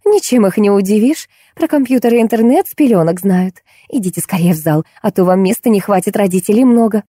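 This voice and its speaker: A woman's voice: mid-range voice, animated, fairly quick, dark tone, no echo, studio quality, pitched above the performer's own voice, natural voice. A woman reading an audiobook, voicing a gushing, fussing kindergarten teacher.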